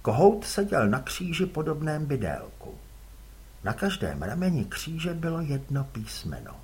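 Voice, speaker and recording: Animated, husky male storyteller. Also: on the high side. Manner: expressive, dramatic reading. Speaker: audiobook narrator. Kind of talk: scripted narration.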